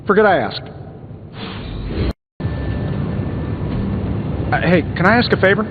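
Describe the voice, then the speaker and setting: A man's voice: sits high, lively intonation, very fast, phone-quality sound, background noise. A man playing a cocky, sarcastic armored superhero inventor in a video game, full of wisecracks. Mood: teasing. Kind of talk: video game character dialogue.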